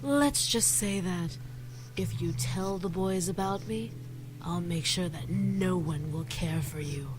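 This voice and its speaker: Mocking demon lady in a visual novel, purry and condescending, soft game music behind. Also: fairly low pitch, slow pace. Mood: menacing. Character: haughty menacing female demon, would-be queen.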